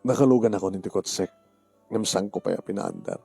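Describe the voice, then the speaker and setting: A man's voice: sits low, wildly swooping pitch, brisk, vocal fry, a little mellow, breathy edge. A man acting an emotional, pleading part in a radio-style comedy drama, with a dry close studio sound and faint music behind.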